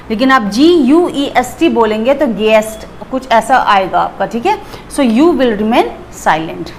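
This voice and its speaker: A woman's voice: on the high side, a little hiss or hum. A woman teaching a pronunciation lesson, spelling out letters and repeating each word. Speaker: English teacher.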